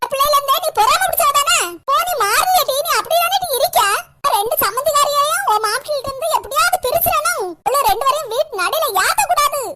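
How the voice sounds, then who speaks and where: A voice actor playing a hot-tempered, betrayed elder sister in a cartoon, speaking with a Kanyakumari Tamil accent and a shrill, scolding manner. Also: expressive, fast, bright, forceful tone, full character voice. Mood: furious.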